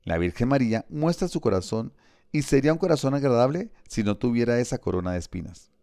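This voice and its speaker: Male audiobook narrator, measured and vivid, dry close sound. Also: medium pitch, animated, mellow, no room sound.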